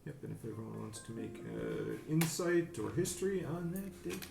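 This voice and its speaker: A man acting as game master, describing scenes in a relaxed way with many fillers. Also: medium pitch, moderate pace, vocal fry, heavy background noise. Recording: echoey room with music behind. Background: background music.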